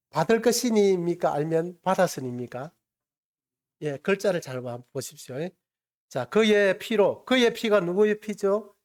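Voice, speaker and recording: A man's voice: sits high, a little mellow. A man preaching a sermon in a church, telling a story and acting out its characters. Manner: storytelling, acts out quoted voices. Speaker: pastor. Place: church sanctuary.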